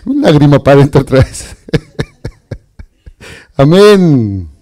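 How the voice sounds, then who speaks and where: A man preaching a lively sermon, often chuckling and calling his listeners brother. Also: on the high side, drawn-out words.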